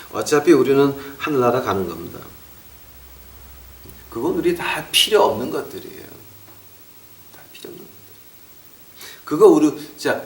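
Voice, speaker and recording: A middle-aged man preaching a sermon as a pastor. He talks in an animated way, acts out relatives scolding him and drops short English phrases into his talk. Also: medium pitch. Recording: roomy echo, mic far off.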